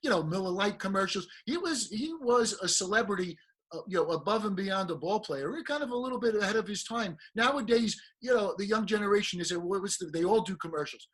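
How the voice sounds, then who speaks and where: A man's voice: high voice, expressive, a little fast, fairly bright tone, slightly rough. A man, hosting an interview and asking long, rambling, chatty questions. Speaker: interview host. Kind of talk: casual interview.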